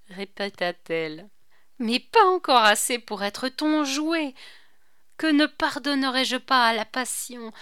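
Woman reading as a fiery young noblewoman, high and loud, crisp bright tone. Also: no echo, clean studio sound. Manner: impassioned, raised voice. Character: proud, passionate young noblewoman, tormented.

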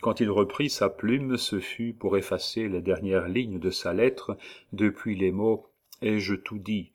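A man narrating a classic novel aloud in a measured, unhurried way. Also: lowish voice. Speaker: audiobook narrator.

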